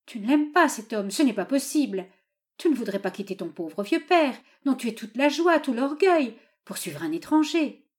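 A woman's voice: very animated, normal speed. A woman playing a raging, doting old father. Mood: pleading. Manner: pleading then furious, raised and high. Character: doting, tyrannical old father, quick to rage.

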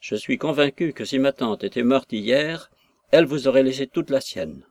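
A man reading aloud, voicing a gentle young daughter who answers her father softly and respectfully. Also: mid-range voice, moderate pace, no room sound, studio quality, close to an everyday voice. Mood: pleading. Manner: soft, respectful, pleading.

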